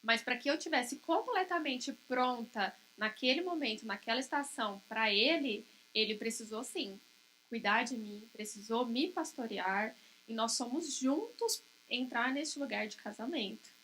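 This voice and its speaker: High-voiced woman preaching with homely stories. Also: animated, measured pace, slight background noise. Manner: tells homely anecdotes, acting out dialogue softly. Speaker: pastor's wife preaching. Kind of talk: sermon with personal story.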